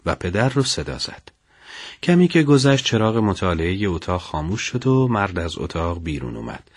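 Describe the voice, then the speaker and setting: A man narrating a family story in a calm, even storytelling manner. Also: low voice, slightly rough, no echo, studio quality.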